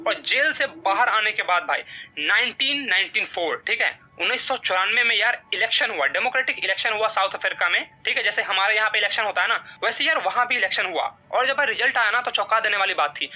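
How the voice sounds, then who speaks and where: Bright, chatty male Hindi teacher. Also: sits high, animated, fast talker. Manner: chatty, keeps saying "yaar" and "theek hai". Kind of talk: casual Hindi lesson.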